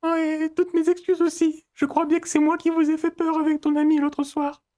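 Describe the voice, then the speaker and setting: A man's voice: very high-pitched, flat delivery, moderate pace, mellow, voice pushed up. A man doing a courteous, refined teenage boy. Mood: polite. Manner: formal, courteous. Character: polite, refined teenage boy, soft-spoken.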